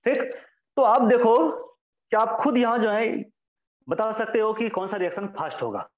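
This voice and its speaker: A man's voice: sits high, animated, moderate pace. A man teaching chemistry in a classroom lecture. He asks questions and answers them himself, and repeats key terms for his students. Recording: echoey, dull lo-fi sound.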